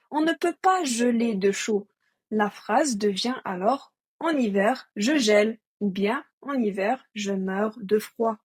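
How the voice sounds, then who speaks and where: A woman's voice: a little high, darkish tone, slightly rough. Upbeat Québécois woman explaining grammar. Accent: Québécois French. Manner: upbeat, addresses listeners directly with quick questions. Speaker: teacher presenting a language lesson. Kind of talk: scripted educational narration.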